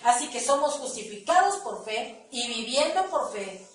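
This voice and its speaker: Woman, sermon testimony, animated, acts out dialogue, echoey room, distant mic. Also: on the high side, normal speed. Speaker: church speaker giving testimony.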